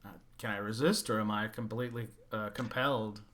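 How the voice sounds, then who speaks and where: A man playing in a tabletop game, speaking in quiet asides. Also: on the low side, steady tone, brisk. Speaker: player. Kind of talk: casual tabletop play.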